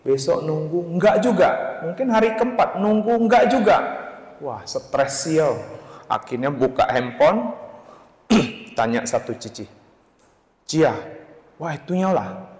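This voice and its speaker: A man's voice: on the high side, expressive, slow, darkish tone. A man giving a Buddhist dharma talk in a meditation centre hall, in a chatty, anecdotal way, acting out the voices of the people in his story. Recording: echoey hall with long reverb.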